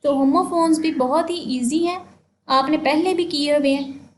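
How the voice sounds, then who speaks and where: A woman teacher giving a class lesson, explaining slowly, asking the class questions and spelling words letter by letter. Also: sits high.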